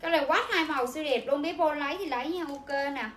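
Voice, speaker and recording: A woman's voice: high voice, fast, a bit bright. A young woman, chattering through a live-stream clothing sale with repetitive sales patter. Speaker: livestream clothing seller. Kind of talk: livestream selling chat. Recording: echoey room with faint ambient noise.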